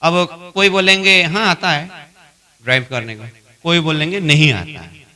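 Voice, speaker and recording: A man leads a spiritual training class, repeating his points, questioning the class and acting out both sides of an argument, growing louder as it escalates. His voice is on the high side and expressive, at a normal speed.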